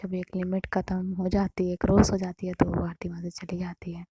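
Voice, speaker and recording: A woman telling a story in a casual, conversational and hushed way. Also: fairly low pitch, monotone, a little fast, noisy background.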